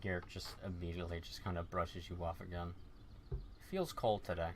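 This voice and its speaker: A man's voice: low-pitched, fairly even intonation, a little fast, very noisy. A man working as game master, narrating a tabletop game in a casual, informal, sweary way.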